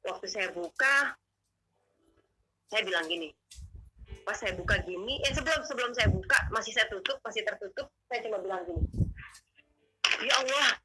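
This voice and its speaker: A woman telling her testimony as a guest, in animated, emotional, slangy conversational storytelling. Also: mid-range voice, moderate pace, pauses often, noisy background.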